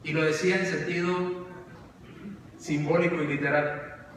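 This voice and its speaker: Animated preacher in a booming church hall. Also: male voice, a little slow. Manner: animated, dramatic storytelling. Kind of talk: sermon storytelling. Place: church sanctuary. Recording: echoey church hall, distant mic, faint noise.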